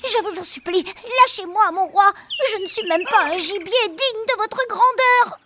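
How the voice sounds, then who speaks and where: A woman's voice: high-pitched, lively intonation, normal speed. A woman voicing a tiny, timid male rat who pleads politely. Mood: pleading. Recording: noisy recording.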